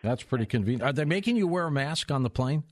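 A man's voice: mid-range voice, expressive, fast, no echo. A man hosting a radio call-in talk show, asking casual, chatty questions from the studio.

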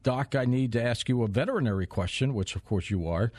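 A man's voice: mid-range voice, brisk, darkish tone, dry recording. A man hosting a radio call-in talk show, asking casual, chatty questions from the studio.

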